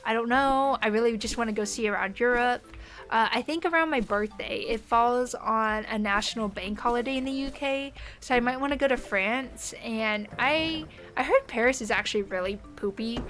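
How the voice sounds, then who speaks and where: A woman's voice: on the high side, normal speed, fairly bright tone, faint music behind. A young woman streaming from home, chatting with her live audience in a rambling, casual way with lots of fillers. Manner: chatty and rambling, many "like" fillers, light laughs.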